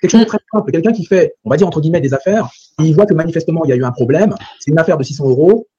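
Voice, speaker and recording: A man hosting a live discussion, talking quickly and speaking straight to his viewers. His voice is mellow and a little husky, with a dull, muffled sound. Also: on the high side, animated. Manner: addresses viewers directly, measured with fillers. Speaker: host.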